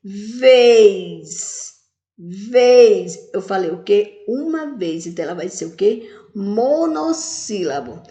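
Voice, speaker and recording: A primary school teacher records a video lesson for children in a sing-song, mellow, medium-pitched voice, speaking a little slowly. She asks questions and answers them herself, stretching words out syllable by syllable, and the room sounds echoey.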